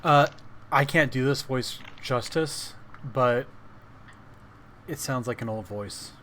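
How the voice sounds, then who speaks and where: A man's voice: mid-range voice, takes it slowly, a bit bright, a little hiss or hum. A man narrating casually as game master of a tabletop role-playing game.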